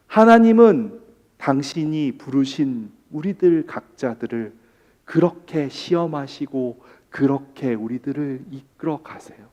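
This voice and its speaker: A man preaching a sermon as pastor, who moves between hushed, slow emphasis and loud, impassioned pleading. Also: a little high.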